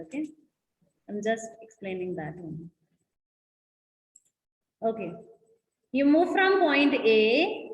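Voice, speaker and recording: High-voiced North Indian woman teacher, echoey. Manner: instructive, repeats key points and checks understanding. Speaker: school physics teacher. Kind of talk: interactive lesson explanation, mixing English and Hindi. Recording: echoey, reverberant room sound.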